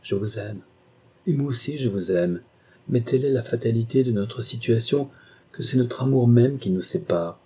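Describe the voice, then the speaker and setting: A man's voice: medium pitch, moderate pace, mellow, slightly rough, voice pushed up. A man voicing an impassioned young governess. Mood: anguished. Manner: impassioned, pleading. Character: passionate young woman governess torn by love. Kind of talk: audiobook dialogue reading.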